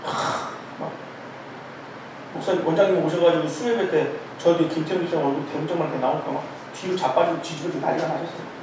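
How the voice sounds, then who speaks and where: A middle-aged man preaching an informal sermon at a prayer meeting, telling jokes and stories in an animated way and calling himself loud. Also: fairly high pitch, fast talker. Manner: animated, joking storytelling, calls himself loud. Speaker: pastor. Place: church sanctuary. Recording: echoey church hall, distant mic, faint noise.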